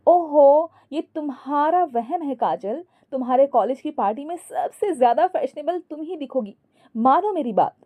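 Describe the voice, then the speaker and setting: A woman's voice: high-pitched, lively intonation, moderate pace, narrow, tinny audio, pitched above the performer's own voice. A woman voicing a bossy, fashion-obsessed young wife who talks insistently and dramatically in a storybook.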